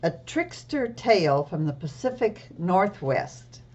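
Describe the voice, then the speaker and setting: Woman reading a trickster tale to kids, real slow, lowish voice, kinda dull lo-fi sound. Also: sing-song, darkish tone, slight background noise. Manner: measured, pausing to point out pictures and ask questions. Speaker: storyteller reading a picture book aloud. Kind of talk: trickster tale telling, read-aloud for children.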